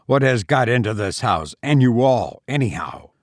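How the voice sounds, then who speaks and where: A man voicing a stubborn, short-tempered husband and father in a storybook, growling roughly and with emphasis. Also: medium pitch, expressive, moderate pace, no echo, clean studio sound, close to an everyday voice. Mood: angry, staunch.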